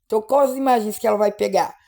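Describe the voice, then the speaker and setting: A woman teacher patiently explaining literacy skills, stretching out example words slowly and checking in often. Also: mid-range voice, creaky, darkish tone.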